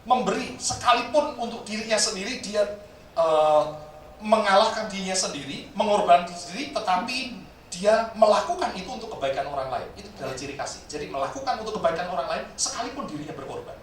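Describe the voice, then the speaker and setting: Male preacher, animated joking storyteller, booming church hall echo, faint background noise. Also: fast. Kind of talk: sermon. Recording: very echoey hall, distant mic, faint noise.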